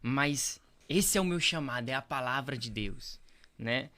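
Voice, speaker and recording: Speaking without hurry in a pushed, bright mid-range voice, a young Brazilian man who is a pastor tells his faith story as a podcast guest. The chat is casual, and he comes across as earnest, with repeated phrases and frequent tag questions.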